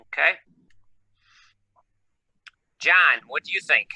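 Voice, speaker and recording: A man's voice: on the high side, slow pace, sharp tone, slightly rough, no room sound, rough recording. A man teaching an electronics class over a video call, talking casually and thinking aloud as he works the screen share. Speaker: electronics instructor. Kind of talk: live online class lecture.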